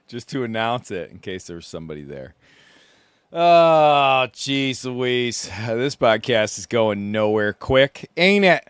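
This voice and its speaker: Tired guy rambling slow into the mic, smooth voice, dry sound, kinda groggy. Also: medium pitch, sing-song, no echo. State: sleep-deprived. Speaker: podcast host, solo sailor. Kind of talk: casual self-recorded monologue. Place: small sailboat at sea.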